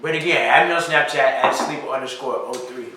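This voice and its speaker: A man's voice: mid-range voice, fairly quick. A male vlog guest bantering casually during a mukbang, blunt and slangy with some swearing. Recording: echoey room, distant mic, clear background noise.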